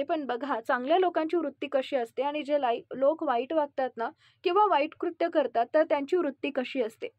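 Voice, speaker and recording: A woman's voice: high-pitched, dry recording, muffled recording. A woman with a Marathi accent retelling a TV serial episode and addressing the viewers. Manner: retells scenes and reads character lines aloud. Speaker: TV serial recap host.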